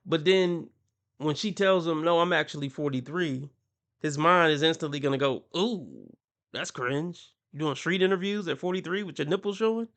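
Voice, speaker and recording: A man's voice: fairly high pitch, lively intonation, moderate pace, fairly bright tone. A man hosting a reaction commentary, talking with a mocking tone, often laughing and putting on voices to quote people. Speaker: commentary channel host.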